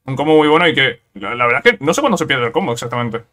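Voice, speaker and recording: Bright-voiced gaming commentator man. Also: mid-range voice, very fast. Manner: excitable, repeats words in bursts, tag questions. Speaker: gameplay commentator. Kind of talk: casual let's-play commentary.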